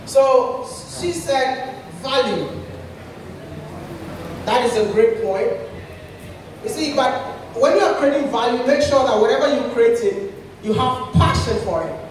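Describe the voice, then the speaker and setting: A man giving a lively motivational talk to an audience, animated, repeating himself and laughing often. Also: extremely high pitch, a little slow, long pauses, a little hiss or hum. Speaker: speaker at a creators' session. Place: indoor event room with audience. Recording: echoey event hall, from far off.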